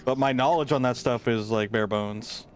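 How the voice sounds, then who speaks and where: A man's voice: mid-range voice, normal speed, background noise. Rambling man streaming a game. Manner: rambling, lots of "like" and "um" fillers. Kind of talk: casual gameplay chat.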